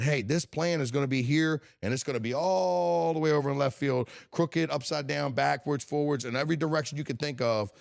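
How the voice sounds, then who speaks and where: Fired-up guy in his 40s doing a solo motivational podcast, blunt, cusses, stumbles over repeated words, mid-pitch voice. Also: vocal fry. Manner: impassioned, blunt, swears, repeats words while thinking. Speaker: podcast host.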